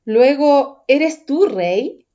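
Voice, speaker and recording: A woman reading the part of Pilate, a grown-man governor, in a measured, questioning voice. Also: high voice, lively intonation, dark tone, dull audio, heavily acted.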